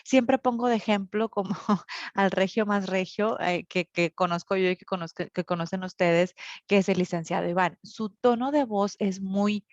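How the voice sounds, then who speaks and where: Speaking with medium pitch at normal speed, a Monterrey-accented woman teacher from northern Mexico explains material to an online class, using many fillers and tag questions. There's no room sound, and the recording quality is dull and lo-fi.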